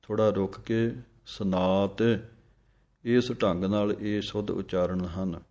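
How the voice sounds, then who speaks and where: A man teaching recitation, chanting each line slowly and deliberately, then explaining it. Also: lowish voice, fairly even intonation, a little mellow. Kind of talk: pronunciation lesson with slow recitation.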